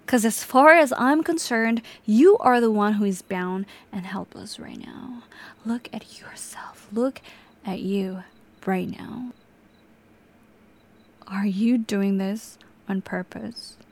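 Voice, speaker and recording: Speaking slowly in a mid-range voice, a young woman takes on the role of an obsessive, unstable captor in an audio roleplay. She sounds menacing, moving between hushed whispers and abrupt, sharp outbursts.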